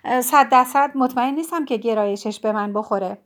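A woman voicing a soft-spoken, hesitant young man, the brother in an audiobook. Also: fairly high pitch, lightly acted.

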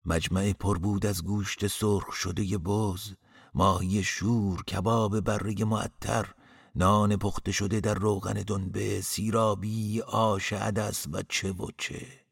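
A man narrating a first-person story in a calm, measured storytelling voice as an audiobook narrator. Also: on the low side, vocal fry, husky, no room sound, clean studio sound.

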